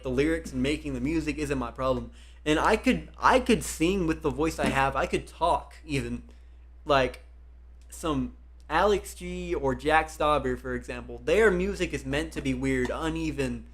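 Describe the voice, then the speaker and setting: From his computer desk, a young man with a fairly high voice chats casually on a live stream, rambling and thinking out loud. He speaks louder than his usual soft voice so it carries.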